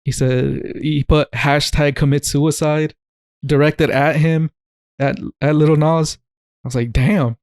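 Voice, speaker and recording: A man co-hosting a casual podcast, with a voice pitched a little high for a man. He jokes, laughs often and swears freely. The sound is dry and close to the mic. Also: fairly even intonation, slow, darkish tone, dry recording. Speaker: podcast co-host. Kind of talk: casual chat.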